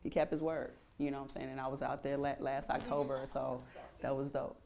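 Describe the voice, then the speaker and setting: A young adult woman musician telling stories in a casual interview, animated and repeating phrases for emphasis. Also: a bass voice, fairly quick, gravelly. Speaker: guest musician.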